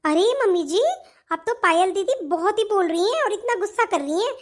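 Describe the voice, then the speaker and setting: A woman's voice: very high voice, lively intonation, brisk. A woman voicing a whiny young daughter-in-law. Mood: tattling. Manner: whiny, tattling. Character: sly newly married younger daughter-in-law. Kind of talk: animated family story voice acting.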